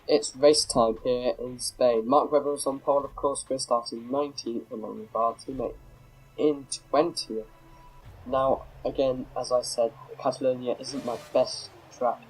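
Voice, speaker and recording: Suffering from a cold that makes him a little nasal, a man casually narrates his racing game, rambling and self-correcting with many fillers. His voice is mid-range and the audio is poor.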